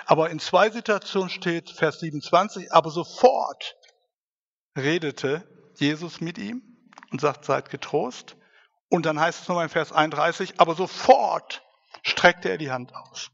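A man's voice: a little high, normal speed, fairly bright tone. A man preaching a sermon in an earnest manner, rising to emphatic stresses. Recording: dull sound, long hall reverb.

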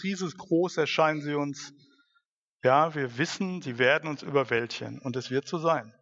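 A man's voice: a little high, a bit bright. A man preaching a sermon in an earnest manner, rising to emphatic stresses. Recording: dull sound, long hall reverb.

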